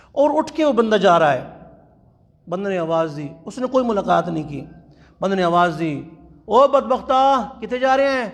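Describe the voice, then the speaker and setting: A man preaching a sermon at a religious conference in a mosque, telling stories with passion and chanting quotations slowly. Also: sits high, gravelly. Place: large mosque. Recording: long hall reverb.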